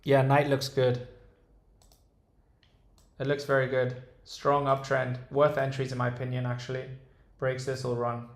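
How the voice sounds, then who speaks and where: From Dubai, a young British-accented streamer comments casually on trading charts and reads chat. He sounds relaxed and hesitant, full of ums and restarts, with a gravelly voice carrying little melody. The recording has a roomy echo.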